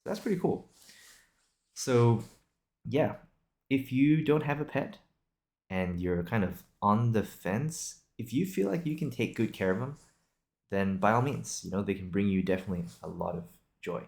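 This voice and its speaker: An animated young man from Singapore and Australia hosts a casual, unscripted solo video podcast, his lowish voice gravelly and darkish in tone. At normal speed, he thinks aloud in a rambling, hesitant way.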